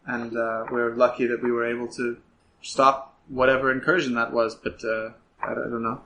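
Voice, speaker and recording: A man running a tabletop role-playing game as game master, improvising in a halting way with many fillers. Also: medium pitch, flat delivery, pushed and bright, slight background noise, rough recording.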